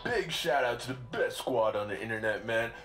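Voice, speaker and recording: A young man spins a childhood story with casual slang and quick laughing asides. His pitch swings in a lively way, and the sound echoes around the room. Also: over loud music. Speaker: vlogger storyteller.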